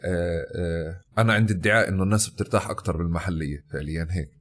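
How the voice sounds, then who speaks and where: A man's voice: low-pitched, very fast. A man with a Palestinian Arabic accent hosting a casual interview in everyday dialect. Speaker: podcast host.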